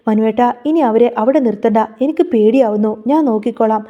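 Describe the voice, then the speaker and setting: A woman voicing a gentle, tearful young woman in a read-aloud story, speaking softly and pleading. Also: a little high, quick pace, highs cut off, natural voice.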